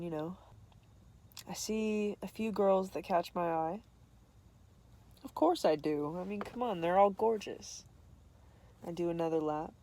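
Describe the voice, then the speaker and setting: A woman's voice: low-pitched, a little mellow. A young woman vlogger telling a candid, self-deprecating story to camera, laughing often.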